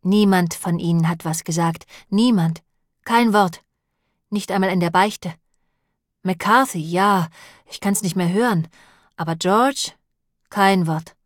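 A woman's voice: on the low side, takes it slowly, pauses often, no room sound, clean studio sound. A woman reading the lines of a nervous, whining priest in an audiobook, plaintive and fretful in tone. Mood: agitated. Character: nervous, whining long-nosed priest man.

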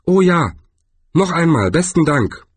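A cowardly male wizard from a storybook, hesitant and wary, muttering to himself in a voice pitched a little above the reader's own, as a male narrator puts him on. The sound is husky and dry. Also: sing-song, a little slow, dry recording, heavily acted. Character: nervous cowardly male wizard, put-upon.

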